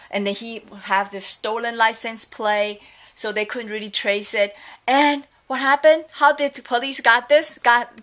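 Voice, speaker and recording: A woman's voice: fairly high pitch, fairly bright tone. Rambling woman. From Taiwan. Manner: rambling, exasperated, frequent fillers. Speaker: vlogger. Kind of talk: casual opinion rant.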